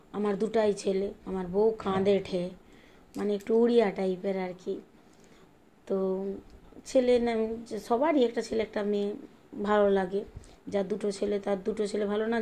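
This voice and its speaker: A middle-aged woman from Bengal chatting in a rambling way while she bakes in her home kitchen, sometimes speaking softly. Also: mid-range voice. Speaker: home cooking vlogger. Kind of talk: casual chat while baking. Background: fan hum and rain outside.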